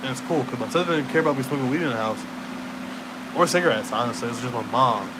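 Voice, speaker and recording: A young man talks fast in a medium-pitched voice, rambling in a laid-back stoner way through a casual late-night chat. His slangy, profane talk trails off and circles back, with clearly noisy room hum in the recording.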